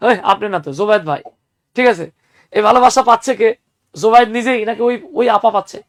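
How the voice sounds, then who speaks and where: A young man teaching spoken English in an online class, lively and teasing, explaining patiently with examples. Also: sits high, fast talker, no echo, studio quality.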